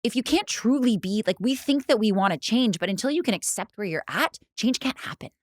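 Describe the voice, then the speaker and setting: Her voice is on the high side, animated and fairly quick, as the woman who co-founded a fitness studio talks casually. She reflects in long, flowing stretches peppered with "like" and other fillers, with no room sound around her.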